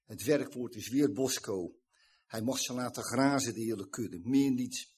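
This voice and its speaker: A man's voice: medium pitch, a little slow, darkish tone, husky. A man preaching a sermon, earnestly retelling a scripture story and explaining it.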